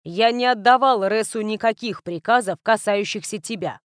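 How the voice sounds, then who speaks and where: A woman voicing a calm young male heir who speaks in an even, emotionless tone, read as part of a storybook narration. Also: medium pitch, moderate pace, no room sound, clean studio sound, close to an everyday voice. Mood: cool, level.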